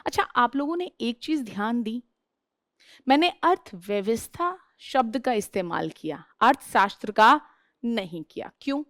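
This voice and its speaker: A woman's voice: a little high, animated, a little slow, a bit bright, dry recording, clean studio sound. A woman teacher giving a classroom lecture who keeps asking her class questions and then answering them herself.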